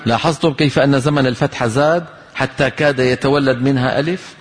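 A man's voice: mid-range voice, fast talker. A man teaching a tajweed lesson, explaining rules, quizzing his class and chanting short examples. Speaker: Quran recitation teacher. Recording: long hall reverb.

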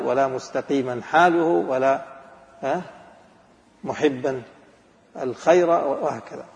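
A man's voice: on the high side, darkish tone, long reverb tail. A man teaching an Arabic grammar lesson, asking his students questions and then answering them himself. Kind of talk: classroom lesson.

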